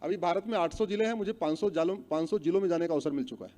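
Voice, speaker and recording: A middle-aged man giving a rousing public speech, loudly chanting long lists and asking the audience to repeat after him. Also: high-pitched, very fast. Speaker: public speaker. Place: hall with an audience.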